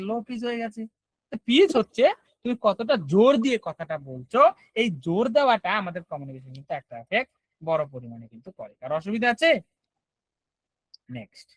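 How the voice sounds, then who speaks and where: A man's voice: high voice, fairly bright tone, dry recording, low-quality recording. A man teaching an online class, explaining step by step and often checking whether students follow.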